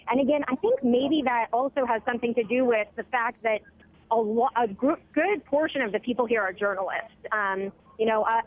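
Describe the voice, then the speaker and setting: A woman field reporter giving a live news report in a conversational way, out of breath. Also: fairly high pitch. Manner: conversational, with fillers. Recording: tinny phone line, dry.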